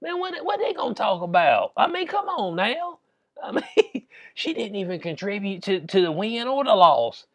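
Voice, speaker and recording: A man's voice: high-pitched, sing-song, normal speed, a bit bright, no room sound. A man with a Southern US accent giving a casual, comedic sports rant in an incredulous, slangy, chuckling manner. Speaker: commentator.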